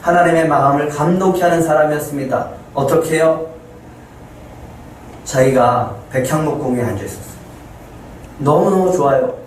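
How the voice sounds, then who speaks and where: A man's voice: on the high side, normal speed, pauses often. Echoey distant male pastor preaching. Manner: storytelling, acting out quoted lines with rising emphasis. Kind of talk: sermon. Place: church sanctuary. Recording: echoey room, heard from a distance, faint noise.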